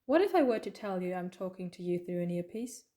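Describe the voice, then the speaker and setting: A woman's voice: on the low side, expressive, a little fast, warm tone, lightly acted. A woman playing the Doctor, a playful, clever alien traveller, in a fan audio drama, talking in a wry, coaxing, conversational way. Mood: wry, cool.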